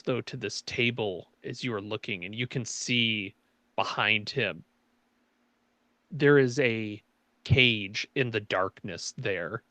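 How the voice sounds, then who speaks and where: Slow-paced man as game master narrating. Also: lowish voice, a bit bright, no echo. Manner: descriptive, piecing scenes together in short phrases.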